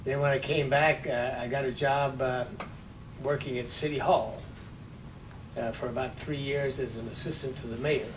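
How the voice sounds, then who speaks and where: Man in his nineties, oral history interviewee, unhurried with dry wit, distant mic with low rumble. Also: steady tone. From Texas. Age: 90s. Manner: unhurried storytelling with dry humor. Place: office with large windows.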